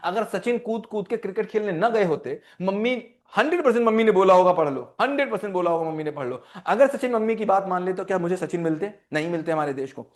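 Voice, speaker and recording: A man giving an animated motivational talk to teens as a life coach, repeating lines for emphasis and mixing Hindi with English. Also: sits high, quick pace, few pauses. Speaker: parenting mentor and life coach. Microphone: online session.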